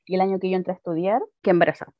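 A woman's voice: on the low side, little pitch movement, rapid-fire, no echo, dull audio. Chatty young Chilean woman. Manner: chatty, laughs often while telling. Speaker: guest. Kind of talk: casual chat.

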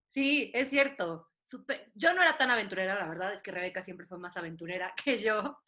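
A woman's voice: medium pitch, brisk, pushed and bright. A young woman hosting a podcast, bubbly and giggly, often repeating herself. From Mexico. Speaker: podcast host. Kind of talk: casual podcast chat.

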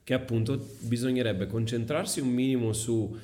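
A man's voice: medium pitch, steady tone, moderate pace, mellow. Explanatory man on a podcast, echoey room. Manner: explanatory, switches into English for examples. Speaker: podcast guest. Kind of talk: casual podcast chat.

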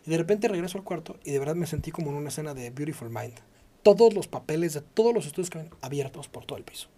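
Mellow-voiced Mexican man telling a story. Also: racing, a little hiss or hum. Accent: Mexican Spanish. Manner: animated, swears freely, acts out quoted dialogue with sudden high-pitched outbursts. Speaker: guest telling a personal story. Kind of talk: casual conversational storytelling.

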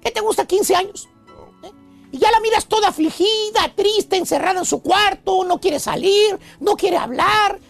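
A man doing a squeaky, gravelly old love professor. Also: normal speed, soft background music. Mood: preachy. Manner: preachy, lecturing, theatrical. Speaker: comic radio host. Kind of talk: radio comedy sketch.

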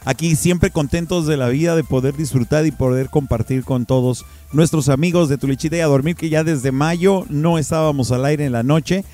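A man's voice: fairly high pitch, moderate pace, hardly any pauses, warm tone, soft background music. A man with a Mexican accent hosting a radio show in a casual, slangy, jokey way. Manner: slangy, jokey, often laughing. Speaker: radio host.

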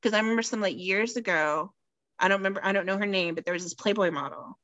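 A woman chatting casually on a podcast, telling stories in an animated way and laughing often. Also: medium pitch, fast talker, dry recording, highs cut off.

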